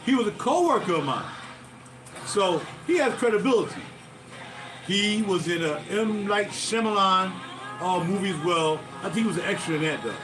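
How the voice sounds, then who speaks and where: A Philly musician hosting a livestream rambles through casual stories, digressing, losing his thread, and speaking straight to viewers. His high-sitting voice is animated at a moderate pace, heard through a distant mic with music playing behind and a noisy background.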